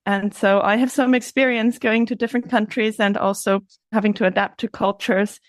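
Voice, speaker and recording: A young woman from Switzerland, a guest on a podcast, explaining things in a friendly, relaxed way. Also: medium pitch, normal speed, dry recording. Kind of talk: casual interview chat.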